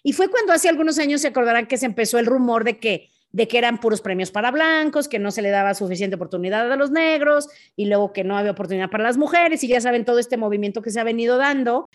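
A Mexican woman hosting a podcast, telling a story in a relaxed, chatty way, with a slightly higher voice. She acts out the punches with sound effects and keeps throwing in quick asides. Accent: Mexican Spanish. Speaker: podcast host. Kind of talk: casual storytelling monologue.

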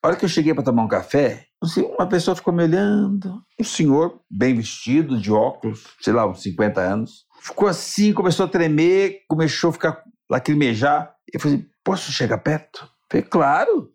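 A man's voice: a little high, expressive, moderate pace, darkish tone. A Brazilian man, a motivational speaker and interview guest, telling a personal story earnestly and acting out the dialogue.

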